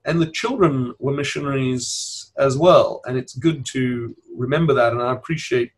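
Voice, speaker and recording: A man moderating a panel discussion, speaking in a measured way and inviting guests to share. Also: mid-range voice.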